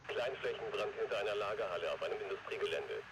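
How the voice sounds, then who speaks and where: A man's voice: lowish voice, fast, very noisy. A man voicing a fire control dispatcher, heard over a radio transmission, speaking in clipped radio protocol. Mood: calm.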